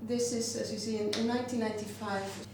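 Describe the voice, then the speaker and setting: A glass artist from Iceland talks thoughtfully about her pieces, often halting to find words, with a slightly high voice, steady tone, and a somewhat fast pace. The mic is distant, the room very reverberant, and the background noisy.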